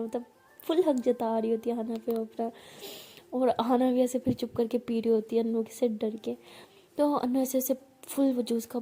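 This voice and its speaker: A woman narrating a love story in a chatty, casual way, often dropping into soft whispers. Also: fairly high pitch, husky.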